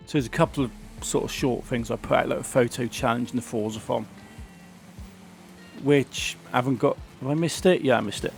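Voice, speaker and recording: This gaming channel host's medium-pitched voice is gravelly and brisk, strained by a sore throat. He chats while commenting on a racing game he's playing, griping about it, with soft background music.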